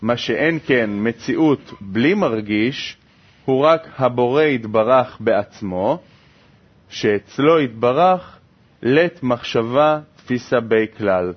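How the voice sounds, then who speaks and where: A man reading a text aloud in a study lesson, in a quick, steady recitation. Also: medium pitch, husky. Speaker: reader. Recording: dull lo-fi recording.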